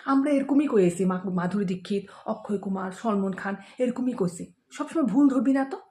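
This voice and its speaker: A woman's voice: medium pitch, normal speed, dark tone, pitched below the performer's own voice, natural voice. Woman playing a stubborn plain-spoken village mother. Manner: insistent, defensive, chatty. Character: simple middle-aged village mother, stubborn. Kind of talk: comedy skit acting.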